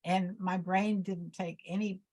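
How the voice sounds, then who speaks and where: A woman's voice: fairly low pitch, steady tone, measured pace, a little mellow. A woman in an art workshop, speaking reflectively about her experience. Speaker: workshop participant. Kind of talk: casual group discussion.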